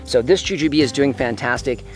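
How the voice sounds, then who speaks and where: A man's voice: medium pitch, normal speed, faint music behind. Chatty man touring his orchard. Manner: chatty, enthusiastic, talks while eating. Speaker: homesteading vlogger. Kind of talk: casual garden walkthrough to camera. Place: outdoors in an orchard.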